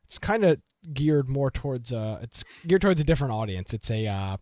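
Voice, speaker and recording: A man's voice: medium pitch, very animated, fairly quick, darkish tone, no room sound. Upbeat young male podcast co-host. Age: young adult. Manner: chatty and upbeat, with some hesitation. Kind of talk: casual podcast chat.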